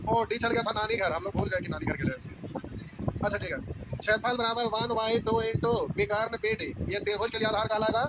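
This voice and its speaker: A man teaching a math class, dictating notes slowly and repeating each phrase for students to copy. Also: high voice, fairly even intonation, very noisy. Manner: casual, checks if students follow.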